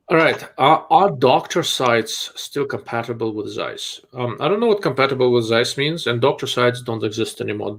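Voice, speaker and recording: A host with a Russian accent runs a live question-and-answer stream, his mid-pitched voice carrying a gravelly edge. He talks plainly and calls ideas out quickly, answering in a blunt, dryly sarcastic manner.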